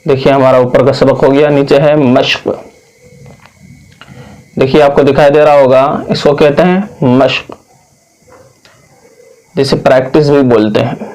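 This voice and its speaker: A man from India teaching Quran reading, spelling out each word slowly and patiently, drawing out long vowels. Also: mid-range voice, fairly even intonation, darkish tone, low-quality recording. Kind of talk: slow spelled-out recitation lesson.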